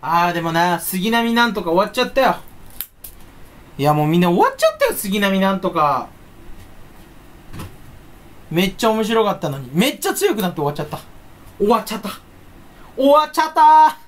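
Animated stuffy-nosed man rambling playfully. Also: high-pitched, a little fast, pauses often. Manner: playful, rambling, breaks into silly voices. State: stuffy nose. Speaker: YouTuber. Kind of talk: casual solo chat.

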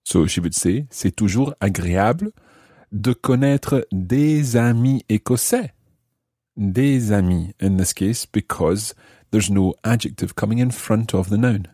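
Husky-voiced man teaching grammar. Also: fairly low pitch, a little slow, warm tone, no echo, studio quality. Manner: patient, explaining step by step. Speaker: language teacher. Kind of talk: podcast grammar lesson.

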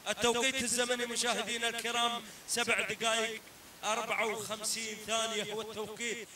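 An excited male race commentator, urging the riders on and repeating each line. His voice is strikingly high and piercingly bright. It sounds roomy and set back from the mic, with a faint hiss underneath. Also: fast talker. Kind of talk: live camel race commentary. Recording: echoey, distant, faint hiss.

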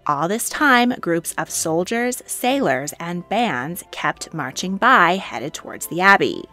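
A woman narrates her travel story in a scripted voice-over. Her voice is bright and lively, swinging up and down in pitch and sitting a little low, with soft music underneath. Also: takes it slowly. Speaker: history channel host.

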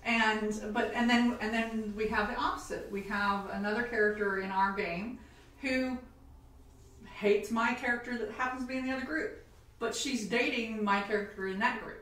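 A woman's voice: on the high side, fairly even intonation, normal speed, a bit bright, a little hiss or hum. A woman who runs tabletop games, chatting casually at a tea table and laughing often as she tells stories. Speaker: game master and show host. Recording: very echoey room, mic far off.

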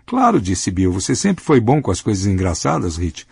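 A male audiobook reader voicing a steady, earnest grown man talking with old friends. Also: lowish voice, moderate pace, creaky, breathy edge, no room sound, studio quality, full character voice.

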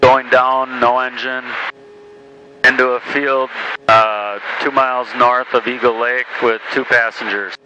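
A student pilot flying a small airplane, talking casually with brief acknowledgments over a pilot cockpit headset intercom. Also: male voice, mid-range voice, level tone, a little slow, sharp tone, slight background noise, poor audio. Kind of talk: in-flight training chat.

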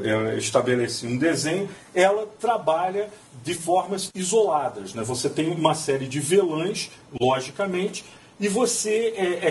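A man's voice: high voice, darkish tone, a little hiss or hum. A man with a Brazilian Portuguese accent giving a technical conference talk, hesitant and full of fillers and restarts. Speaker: conference presenter. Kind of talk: technical presentation. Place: auditorium. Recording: distant mic in auditorium.

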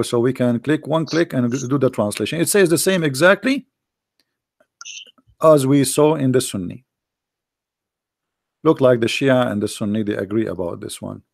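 Hoarse, gravelly man debating online. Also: mid-range voice, a little mellow, no echo. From Middle East. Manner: insistent, rhetorical questioning. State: hoarse, losing his voice. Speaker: debate host.

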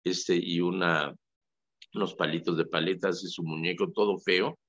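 Un sacerdote católico con acento mexicano que conversa en la radio, con un tono animado y enfático, como quien cuenta anécdotas. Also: male voice, deep voice, normal speed, no room sound. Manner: animated, emphatic, storytelling. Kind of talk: casual radio talk. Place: radio studio. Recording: dry lo-fi radio audio.

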